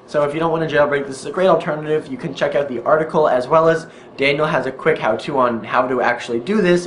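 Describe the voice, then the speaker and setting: A man's voice: fairly high pitch, a bit bright, a little hiss or hum. A young man hosting a weekly tech news video, chatty and upbeat, joking about himself now and then. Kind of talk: casual tech news vlog. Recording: roomy echo with faint music.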